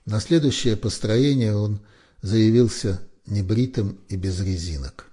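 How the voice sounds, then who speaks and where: A man narrates a novel in a steady, measured storytelling voice. His voice is very low and dark, with a husky grain. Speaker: audiobook narrator. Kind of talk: scripted narration.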